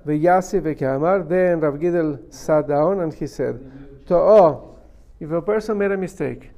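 A man's voice: on the high side, measured pace, mellow, dull audio. A man gives a religious lesson. He speaks as a rabbi to his students, reading a phrase, translating it and repeating key points with emphasis. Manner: emphatic, repeats and explains step by step. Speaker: rabbi teaching a Talmud class.

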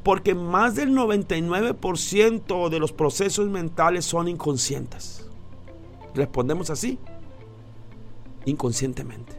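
A man's voice: high voice, unhurried, soft background music. A man giving a motivational talk on emotions, emphatic and repeating phrases for effect. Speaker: speaker on emotions.

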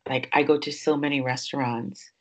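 A New York-raised woman with a very deep voice hosts a podcast at normal speed, her intonation fairly even. She speaks casually and reflectively, thinking aloud with many fillers.

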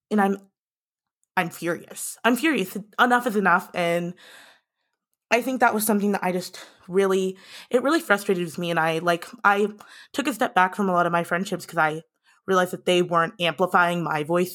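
A woman's voice: fairly low pitch, a bit bright. A young adult woman hosting a podcast, speaking earnestly and with passion in a breathless rush, often restarting her sentences. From United States. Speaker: podcast host. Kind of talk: impassioned podcast monologue.

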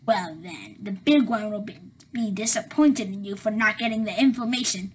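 A woman's voice: mid-range voice, normal speed, slight background noise, voice pushed down, natural voice. A woman voicing a threatening male henchman boss in a family audio drama, speaking in a commanding manner. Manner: commanding, menacing.

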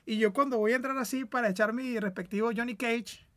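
A young Venezuelan man in casual chat, telling crude stories in an animated way and acting out the quotes. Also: very high voice, a little fast.

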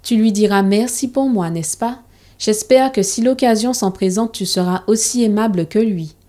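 A woman's voice: mid-range voice, normal speed, warm tone, lightly acted. A woman voicing a caring mother who turns stern when worried, in a storybook reading. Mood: tender.

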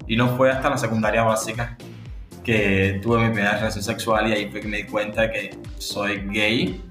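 Young Cuban man, low voice, echoey. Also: normal speed, faint music behind. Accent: Cuban Spanish. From Cuba. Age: 20s. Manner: lively, laughs often, restarts phrases. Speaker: guest. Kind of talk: podcast interview.

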